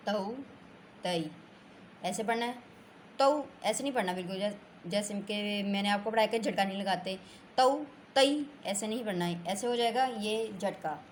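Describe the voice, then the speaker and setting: A woman with a mid-pitched voice gives a Quran reading lesson. She talks patiently and draws out her words, repeating syllables for her learners. A faint hiss sits under the recording. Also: a little mellow. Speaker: Quran recitation teacher. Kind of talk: slow step-by-step lesson.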